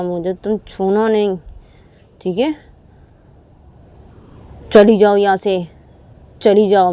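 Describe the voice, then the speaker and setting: A woman's voice: on the high side, darkish tone, smooth, pitched above the performer's own voice, lightly acted. A woman voicing an angry, hurt young man in a storybook romance, bitterly repeating himself as he pushes his wife away.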